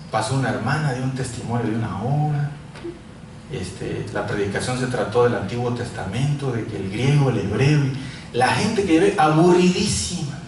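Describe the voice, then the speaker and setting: A man from Mexico, preaching a sermon full of personal testimony and swinging from loud calls to quiet asides. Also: medium pitch. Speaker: pastor. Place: large echoey church hall. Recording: echoey church hall, mic far off, faint noise.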